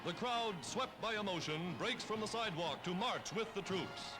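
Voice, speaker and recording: A man's voice: sits high, animated, normal speed. A man narrating a 1940s newsreel in a dramatic, punchy announcing manner, on an old newsreel recording. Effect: old newsreel recording with music. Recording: old newsreel soundtrack with music under.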